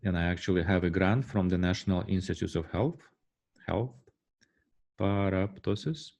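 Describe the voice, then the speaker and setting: A man giving a university science lecture, halting often with fillers and restarts and checking in with the class. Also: sits low, darkish tone. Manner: asks the class rhetorical "right?" checks.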